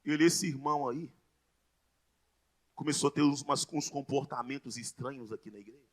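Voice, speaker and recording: A Brazilian man preaching a Pentecostal sermon, telling a story that builds into shouted proclamations and speaking in tongues. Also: medium pitch, fairly quick. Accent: Brazilian Portuguese. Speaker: pastor.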